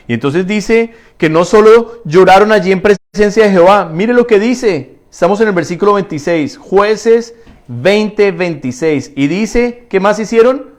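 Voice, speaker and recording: A man preaching a sermon as pastor, asking rhetorical questions and answering them himself, repeating phrases for emphasis and speaking straight to the congregation. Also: high voice. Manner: addresses the congregation directly.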